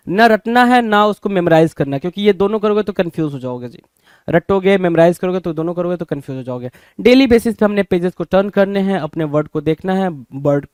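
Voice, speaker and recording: High-voiced teacher, dry close sound. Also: male voice, a little mellow, clean tone, no echo. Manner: repeats questions to the class, addresses viewers as bhai. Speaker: vocabulary teacher. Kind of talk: Hinglish exam-prep lesson.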